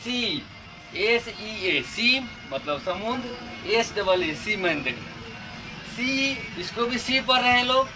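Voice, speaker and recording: A man teaching a class, who dictates definitions slowly and then explains them quickly with questions to his students. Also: sits high, animated, over music. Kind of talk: classroom lesson. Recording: noisy, with traffic sounds outside.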